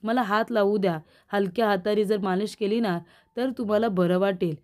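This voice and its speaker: A woman reading out a gentle respectful young woman. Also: medium pitch, steady tone, moderate pace, natural voice.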